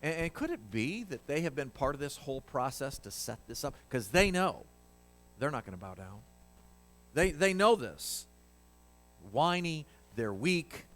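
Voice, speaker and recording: A man's voice: medium pitch, very animated, measured pace, fairly bright tone. A man preaching a sermon in a church, conversational and emphatic, often asking the congregation questions. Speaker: pastor.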